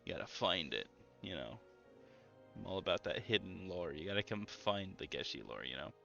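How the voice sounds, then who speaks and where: A young man streaming a game in a calm, low-energy, mellow way, full of ums and easy asides. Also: moderate pace, creaky. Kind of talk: casual gameplay stream chat. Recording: slightly muffled lo-fi audio with faint music.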